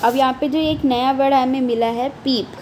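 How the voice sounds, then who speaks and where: A woman's voice: high-pitched, steady tone, normal speed, darkish tone, a little hiss or hum, poor audio. A young woman teacher, explaining a poem line by line, reading each line aloud and repeating the meanings.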